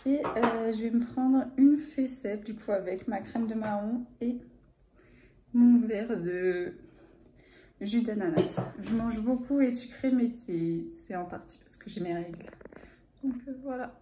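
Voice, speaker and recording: A young woman from the Paris area talks through her student week in a casual, meandering vlog style, full of hesitations and fillers. Her voice is very dark and mellow. The sound carries the echo of the room she records in. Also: a little high, moderate pace, a little hiss or hum. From Paris area, France. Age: young adult. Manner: chatty, rambling, hesitant with frequent fillers. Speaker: student vlogger.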